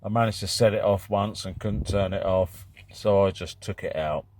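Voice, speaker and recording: A British man with a fairly low voice hosts a casual repair vlog. He thinks aloud as he works, rambling along in a plain, matter-of-fact manner. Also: steady tone, moderate pace, a little mellow, slight background noise. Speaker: vlog host doing DIY car repairs. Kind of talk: casual chat and work commentary.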